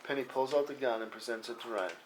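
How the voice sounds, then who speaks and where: At a table read, a man narrates the action of a film script, reading the stage directions. He has a mid-range voice and talks fast. The room is noisy, with clicks audible.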